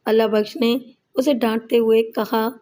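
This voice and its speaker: A woman narrating a scripted crime story as a voice-over in a steady, measured way. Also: on the high side.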